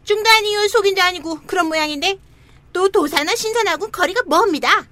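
Lady doing a tiny demon minion for a kids story, super high n bright, eager to please the boss. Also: brisk, no room sound. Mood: eager, servile. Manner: deferential, busily reporting. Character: small, eager demon underling reporting to his master. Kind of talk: dramatized children's storybook reading.

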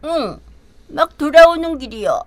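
A woman's voice: sits high, sing-song, moderate pace, dry recording. A woman playing a bold, cunning male monkey hero in an audio drama. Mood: aggrieved, feigning.

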